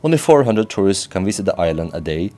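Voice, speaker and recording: A man's voice: low-pitched, big pitch swings, quick pace, warm tone. A man narrating his travel vlog with frank advice, speaking while he has a slight cold. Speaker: travel vlogger.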